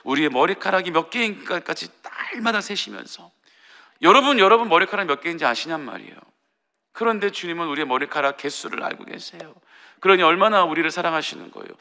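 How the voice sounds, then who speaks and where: Bright-voiced pastor preaching in a hall. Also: male voice, a little high, creaky. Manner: earnest, pleading preaching with acted parent voices. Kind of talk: dawn prayer sermon. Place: church sanctuary. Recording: long hall reverb.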